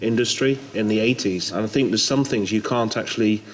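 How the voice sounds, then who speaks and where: Thoughtful lowish man from the UK. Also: fairly quick, slight background noise, poor audio. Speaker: poll participant.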